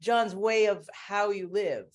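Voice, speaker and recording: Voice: medium pitch, slow. A speaker on a video call reflecting thoughtfully, hedging with many fillers. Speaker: guest sharing reflections. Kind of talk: casual video call conversation.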